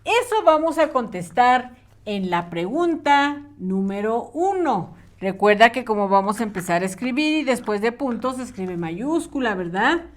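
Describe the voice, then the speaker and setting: A woman's voice: a little high, expressive. A young woman teaching an online class to small children, asking patient questions and reading aloud. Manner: slow, patient, sing-song questions to children. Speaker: primary school teacher.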